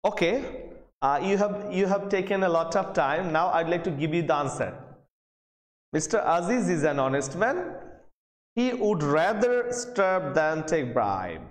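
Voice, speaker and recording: In a live English grammar class, a lecturer with a Bangladeshi accent speaks in a sing-song voice on the high side, a little slowly. He often repeats phrases and questions, calls out students' names, and is recorded in a very echoey room with long reverb.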